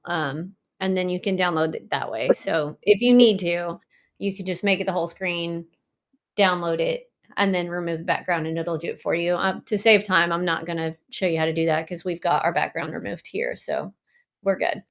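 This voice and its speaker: A woman's voice: lowish voice, fairly even intonation, moderate pace. A woman at home casually walking viewers through a design tool on a shared screen, chatty and full of ums and likes. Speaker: design tutorial presenter.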